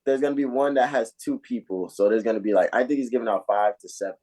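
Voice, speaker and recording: A man in an easygoing sports chat, middle in pitch for a man. He jokes around in a loose, laid-back way and drops curse words casually. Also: fast talker, a little mellow, rough recording. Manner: laid-back, joking, swears freely. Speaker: podcast co-host.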